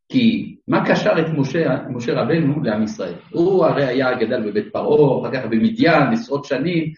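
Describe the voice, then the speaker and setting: A man's voice: mid-range voice, darkish tone. A man teaching a Torah class to a live audience, questioning his listeners directly and adding dry humorous asides. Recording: echoey room, mic far off, dull sound.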